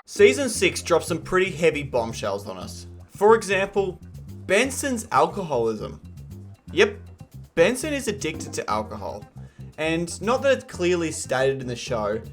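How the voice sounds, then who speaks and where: Young man doing a lively jokey recap. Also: fairly high pitch. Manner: jokey, lively, sarcastic asides. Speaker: YouTube recap host. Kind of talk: comedic show recap.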